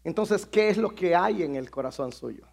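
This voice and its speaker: A man with a strikingly high voice delivers a sermon as pastor. His preaching is emphatic and repetitive, and it swells into shouting at its peaks. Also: animated, normal speed, gravelly.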